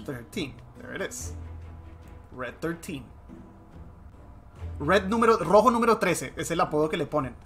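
A game streamer giving excitable live commentary, switching between Spanish and English. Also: mid-range voice, unhurried, long pauses, soft background music. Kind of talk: live bilingual gameplay commentary.

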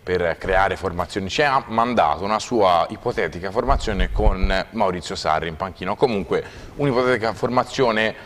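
A man in his thirties co-presents a live TV programme. His voice is fairly low, with long studio reverb and faint noise behind it. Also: moderate pace, hardly any pauses, a bit bright. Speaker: studio co-presenter reading viewer contributions.

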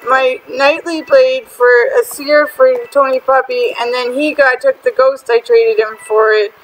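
A woman hosting a casual gaming video, chatty and excitable, often exasperated with other players. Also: sits high, unhurried, rough recording. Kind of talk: casual gameplay commentary.

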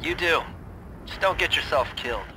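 A man's voice: a little high, expressive, normal speed, music in the background, voice pushed up, lightly acted, low-quality recording. A man voicing a weary, reluctant old friend of the heroine who talks in a grudging, clipped way, for an audiobook. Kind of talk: audiobook narration.

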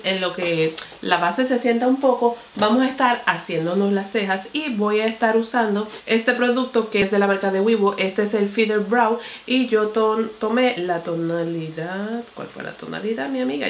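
A woman's voice: mid-range voice, slight background noise. A woman reviewing makeup products in a casual vlog, chatting to her viewers and calling them "señores" and "mi amor". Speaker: beauty vlogger. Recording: echoey room.

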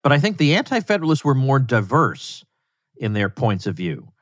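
Man, podcast host, mid-pitched, articulate questions, dry close mic. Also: very animated, normal speed, fairly bright tone, dry recording. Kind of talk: interview questions and sponsor read.

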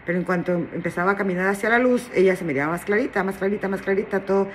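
A woman gently telling a spiritual story in casual talk, often adding "¿verdad?". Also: medium pitch, rapid-fire, slight background noise. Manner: gentle and tender, with many "¿verdad?" tags and restarts.

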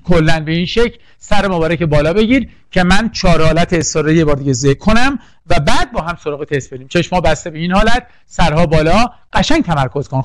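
A man's voice: high voice, no room sound. A man teaching a poetry lesson for exam prep, drilling lists and quizzing the class with questions. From Iran. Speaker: literature teacher.

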